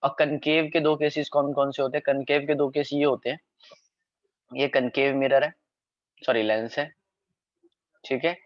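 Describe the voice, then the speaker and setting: A man explains a science topic in a recorded revision class and keeps asking his students whether they understood. His voice sits at an ordinary pitch. The recording is dry and a little muffled. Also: dry recording. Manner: repeatedly checks understanding, quick self-corrections. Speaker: science teacher.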